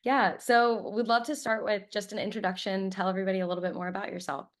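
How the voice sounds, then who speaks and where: A woman in her twenties, a medical student hosting a podcast interview, asking measured, friendly questions. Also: mid-range voice, flat delivery.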